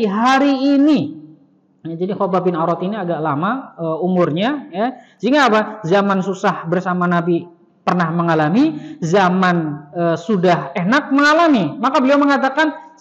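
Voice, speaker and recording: A male Islamic teacher giving a conversational study lecture in a mosque, joking and putting rhetorical questions to the audience. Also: sits high. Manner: fills phrases with "ya" and "nah". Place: mosque hall. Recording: reverberant mosque hall, dull lo-fi sound.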